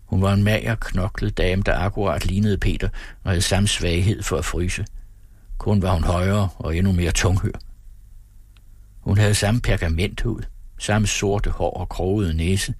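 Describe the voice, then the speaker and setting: A man narrating an audiobook in a measured, even storytelling manner. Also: sits low, breathy edge, no room sound, clean studio sound. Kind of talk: audiobook reading.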